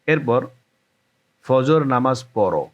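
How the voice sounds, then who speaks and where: A man's voice: mid-range voice, expressive, takes it slowly. A man teaching an Arabic language lesson, patiently repeating each phrase and its translation.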